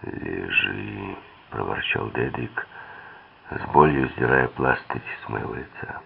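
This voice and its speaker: A man's voice: rumbling low, steady tone, unhurried, gravelly, husky. A man reading a thriller audiobook aloud, shifting his tone slightly for the characters' quoted lines. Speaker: audiobook narrator. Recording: tinny phone-like sound.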